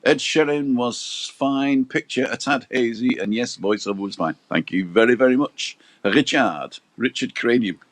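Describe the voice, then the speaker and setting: Out on a balcony, a man co-hosts a casual livestream, chatting and joking while he reads viewer comments aloud. His voice sits in the mid-range, and he talks at a normal speed with few pauses.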